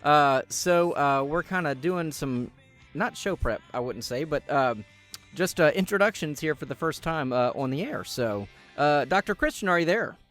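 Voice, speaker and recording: A man who is a pastor hosting a talk radio show, speaking casually and haltingly with many fillers. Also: a little high, lively intonation, fairly bright tone, soft background music. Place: radio studio.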